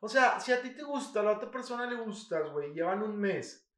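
A man's voice: high voice, a little fast, reverberant. A young man with a Mexican accent, chatting casually and animatedly in heavy slang. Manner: slangy, animated, full of filler words. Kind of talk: casual chat.

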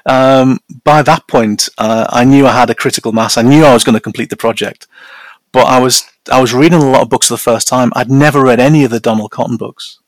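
A Northern English man with flat vowels talks as an interview guest. He tells anecdotes in a casual, self-deprecating way. The sound is dry and close, with little room around it. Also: mid-range voice, brisk, no room sound. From north of England. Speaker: podcast guest.

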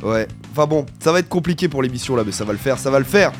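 A man with a hoarse, worn-out, raspy voice, chatting casually as the host of a music radio show. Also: medium pitch, lively intonation, quick pace. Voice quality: very husky, raspy. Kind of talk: casual chat.

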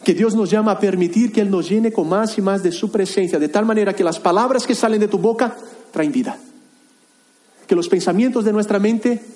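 Man pastor, sermon, fairly high voice, warm and mellow, earnest halting delivery. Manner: earnest, halting delivery with frequent pauses and restarts. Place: church hall.

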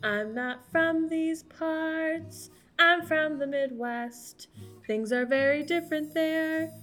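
A woman's voice: high voice, slow pace, a bit bright, faint music behind. A woman improvising the part of a chipper waitress from the Midwest in a family musical. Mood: earnest. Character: bright-eyed Midwestern diner waitress, Chelsea.

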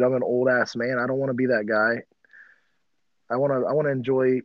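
A man's voice: medium pitch, no echo, muffled recording. A man in his mid-thirties co-hosting a podcast, laid-back and chatty, who keeps saying "dude" and gets worked up when teased. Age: 30s. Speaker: podcast co-host. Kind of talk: casual chat.

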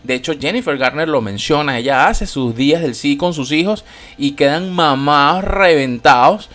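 A man's voice: fairly high pitch, moderate pace, a bit bright. A man with a Venezuelan accent hosting a podcast, chatting casually about a film in a rambling, slangy and profane way. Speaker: podcast host reviewing a film. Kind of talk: casual chat.

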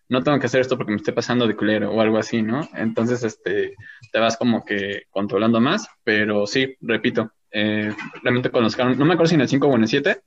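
A man co-hosting a casual podcast, rambling and slangy with hesitant fillers. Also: on the low side. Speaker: podcast co-host. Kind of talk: casual chat. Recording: dull lo-fi sound.

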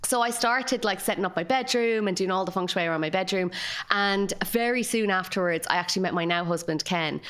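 A woman with a west of Ireland accent telling stories casually and informally in an animated, conversational way. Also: mid-range voice, fairly quick, clean tone. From Galway, west of Ireland. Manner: animated, informal, quotes dialogue. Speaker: podcast guest, feng shui expert.

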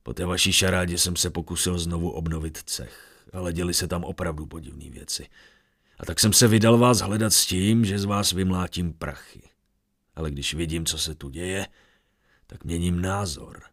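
Garok, a man doing a slow brutish warrior. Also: low voice, a bit bright, no echo, clean studio sound. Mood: menacing. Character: huge brutish male warrior, menacing and blunt.

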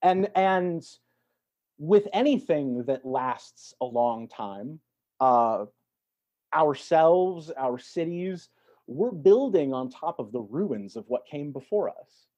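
Fairly high-pitched, animated and mellow, a man joins a podcast as a guest for a casual, reflective chat. His speech is halting, with words repeated while he works through his thoughts, and the recording comes across dull and lo-fi.

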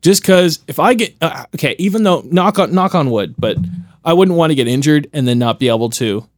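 A young man co-hosting a podcast in casual chat, excitable and swearing, often restarting his sentences. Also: fairly high pitch, brisk, no room sound, studio quality. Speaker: podcast co-host.

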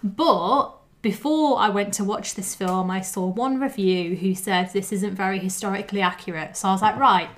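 A woman's voice: mid-range voice, moderate pace. A woman co-hosting a film podcast in casual chat. She talks emphatically and laughs easily. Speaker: podcast co-host.

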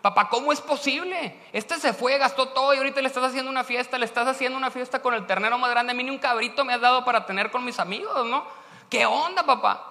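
A man's voice: extremely high pitch, fast, bright, forceful tone, voice pushed up, heavily acted. A man with a Mexican accent voicing a resentful older brother complaining to his father. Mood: indignant. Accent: Mexican Spanish. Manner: indignant, complaining. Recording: echoey church hall.

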